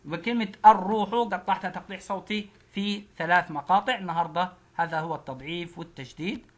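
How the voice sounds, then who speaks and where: Egyptian woman teacher drilling syllables. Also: on the low side. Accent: Egyptian Arabic. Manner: slow, repeats syllables one at a time. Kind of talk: phonics lesson drilling syllables.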